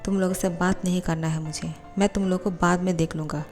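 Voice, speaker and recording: Brief: woman doing a hot-tempered young college bully, scolding and threatening, fairly low voice, storybook read with faint music behind. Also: steady tone, fairly quick, a little mellow, lightly acted. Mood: angry. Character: arrogant bullying young male college student.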